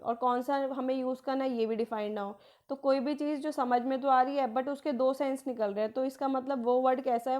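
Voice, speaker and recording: A woman teaching vocabulary for exams, reading out English phrases slowly and then explaining them, often asking a question and answering it herself. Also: sits high, a little mellow. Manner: asks and answers her own questions, repeats key words; mixes in English phrases, slowing to read them out. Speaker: exam prep teacher. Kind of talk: explanatory lesson.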